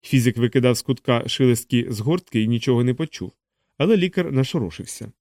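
A man narrating an audiobook in a measured, steady reading voice on a close studio mic. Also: mid-range voice, dry recording.

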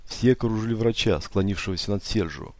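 Low-voiced man narrating an audiobook. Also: fairly quick, no room sound.

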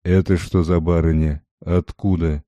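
A man reading aloud, voicing a rough, bearded poor father with a gruff, loud voice. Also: sits low, flat delivery, unhurried, no echo, dull audio.

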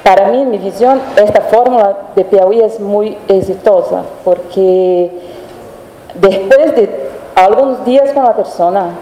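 A woman's voice: mid-range voice, a little slow, dark tone. A woman journalist with a Brazilian Portuguese accent, speaking a Spanish-Portuguese mix and searching for words as she answers on a panel. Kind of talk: spontaneous panel talk. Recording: echoey hall with long reverb.

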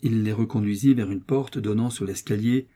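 A man narrating a classic novel in a measured, sombre reading. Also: lowish voice, mellow. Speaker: audiobook narrator. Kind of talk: scripted literary narration.

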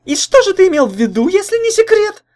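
A man reading an audiobook, voicing a tall, jealous, spiteful young woman who shrieks very high and loud. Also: sing-song, moderate pace. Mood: mocking. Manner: shrill, screeching, spiteful.

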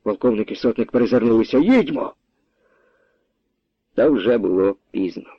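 A man reading a historical story aloud in expressive scripted narration. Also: fairly low pitch, quick pace, dry recording, highs cut off. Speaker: audiobook narrator.

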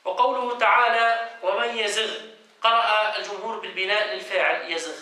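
Brief: male sheikh teaching a study circle, high, bright voice, distant and echoey. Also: steady tone, brisk. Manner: reads a passage, then explains it and quizzes students. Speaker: sheikh teaching Quran exegesis. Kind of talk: classroom lesson, reading and explaining. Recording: echoey room, voice from off-mic, faint noise.

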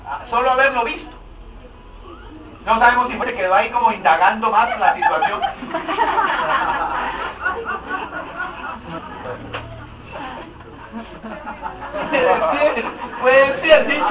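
High-voiced, joking pastor in an echoey hall. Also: male voice, highs cut off, a little hiss or hum. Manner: jokey, animated, asks the congregation questions. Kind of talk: humorous sermon. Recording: echoey hall, mic at a distance.

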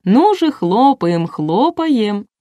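A woman reading an audiobook, voicing an excitable female TV co-host who gushes and cheers the crowd on. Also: brisk, dry recording, natural voice. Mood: gushing. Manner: high, gushing, cheering on.

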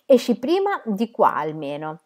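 A woman's voice: mid-range voice, wildly swooping pitch, unhurried. A woman reading a novel aloud, voicing a brash, commanding man who throws out troublemakers. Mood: forceful. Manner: loud, commanding. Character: rowdy brash man defending the owner.

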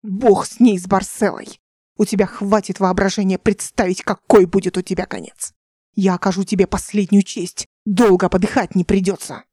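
A woman voicing a defiant female starship captain who shouts her threats and commands. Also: medium pitch, flat delivery, normal speed, husky, dry recording, studio quality, close to an everyday voice.

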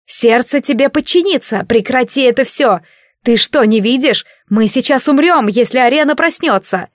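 Woman voicing shrill ambitious young woman, high, loud, shrieking, dry close sound. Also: animated, normal speed, no room sound. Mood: shrill panic. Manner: shrieking, pleading.

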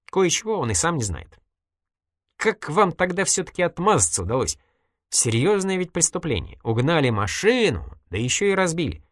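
A man's voice: a little high, very animated, moderate pace, fairly bright tone, dry recording, studio quality, voice pushed up. A reader voicing an evasive, wisecracking male journalist in an audiobook, ironic and mock-innocent. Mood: wry. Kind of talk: audiobook character voice.

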